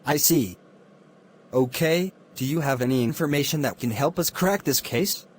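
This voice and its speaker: A man acts as a formal police officer in a murder mystery film. He questions witnesses in a businesslike way at a medium male pitch, with faint noise behind him. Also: normal speed, close to an everyday voice.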